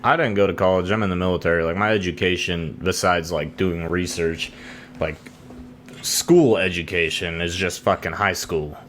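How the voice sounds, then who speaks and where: Texan co-host, young, very low voice, blunt and swears casually, faint noise behind. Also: male voice, steady tone, normal speed, fairly bright tone. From Texas. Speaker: podcast co-host. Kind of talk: casual chat.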